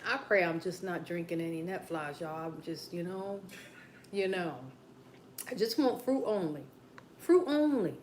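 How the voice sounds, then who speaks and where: A woman's voice: fairly low pitch, moderate pace, a little hiss or hum, poor audio. Rambling woman chatting on a late-night livestream. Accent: Southern American. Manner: rambling, talks to viewers as besties, drops into quiet asides. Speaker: mukbang livestream host. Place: at home.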